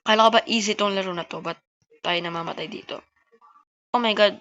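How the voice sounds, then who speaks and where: A woman who talks fast, giving casual gameplay commentary and chatting to her viewers as host of a gaming channel. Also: medium pitch, a bit bright, highs cut off. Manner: fast-talking.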